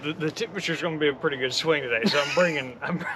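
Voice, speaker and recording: A man's voice: fairly high pitch, very fast, heavy background noise. A man chatting casually for a hunting vlog in a folksy country drawl. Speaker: turkey hunter.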